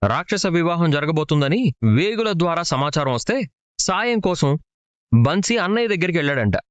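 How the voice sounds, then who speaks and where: A man's voice: on the high side, animated, moderate pace, smooth, dry recording, close to an everyday voice. An actor playing a talkative, theatrical young man who speaks in grand, long-winded phrases. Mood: grandiose. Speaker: actor in a TV serial. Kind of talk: TV serial acting.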